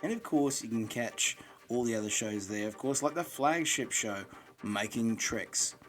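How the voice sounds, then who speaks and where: A man's voice: mid-range voice, unhurried. A man with an Australian accent hosting a solo podcast in an informal, matey, rambling way. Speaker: podcast host. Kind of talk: casual solo podcast monologue.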